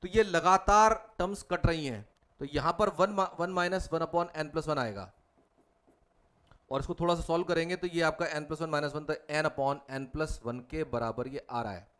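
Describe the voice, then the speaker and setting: Man, maths tutor, fairly high voice, step-by-step board working. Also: measured pace, a bit bright. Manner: talks students step by step through working out each problem. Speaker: mathematics tutor. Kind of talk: whiteboard problem-solving lecture.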